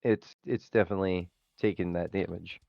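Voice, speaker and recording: A man's voice: sits low, fairly even intonation, moderate pace, gravelly, no room sound, highs cut off, soft background music. A man acting as game master, explaining dice rules in a loose, rambling way. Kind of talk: running a tabletop game on stream.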